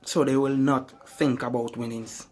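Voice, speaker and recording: A man's voice: medium pitch, little pitch movement, measured pace, a little mellow. Emphatic motivational speaker, a man. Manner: emphatic, repetitive rhetorical questions. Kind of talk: motivational speech.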